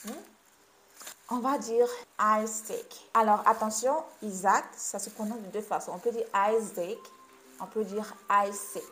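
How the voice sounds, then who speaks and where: A woman's voice: mid-range voice, normal speed. A woman, teaching names as an English coach in a video lesson, with a playful, teasing manner. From Côte d'Ivoire.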